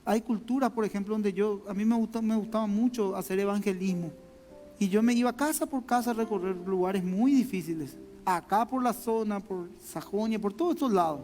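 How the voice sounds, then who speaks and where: Brisk and high with a darkish tone, this man's voice carries a Paraguayan Spanish accent. He is a pastor preaching conversationally in a sanctuary, telling personal stories, repeating himself and speaking straight to his listeners, while long reverb and faint music fill the hall.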